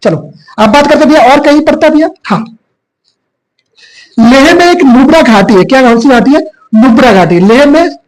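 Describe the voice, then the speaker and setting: Hoarse man teaching at a whiteboard. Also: extremely high pitch, expressive, normal speed, pauses often, poor audio. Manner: repetitive, quizzing students with filler 'bhaiya'. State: hoarse from a cough. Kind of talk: classroom geography lesson. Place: classroom with whiteboard.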